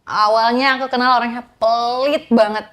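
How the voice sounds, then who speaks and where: A young woman from tells her own story in casual chat. She speaks in a fairly high voice and acts out quoted lines. Her talk is chatty and confiding. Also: fairly even intonation, moderate pace, a bit bright. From Jakarta. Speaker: guest telling her story.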